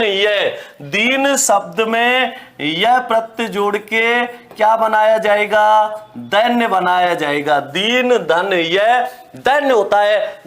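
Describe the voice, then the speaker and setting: Male teacher, high voice, slow deliberate pace, repeats words, asks and answers himself. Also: fairly bright tone. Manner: explains slowly, repeats key words, asks and answers own questions; directly addresses students as brothers and sisters. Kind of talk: Hindi grammar lesson.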